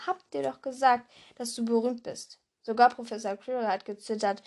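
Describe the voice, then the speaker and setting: A woman voicing a big, gruff, good-natured male giant in a storybook reading, clipped and blunt. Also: fairly high pitch, steady tone, normal speed, a little mellow, lightly acted. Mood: hearty. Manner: blunt, drops words.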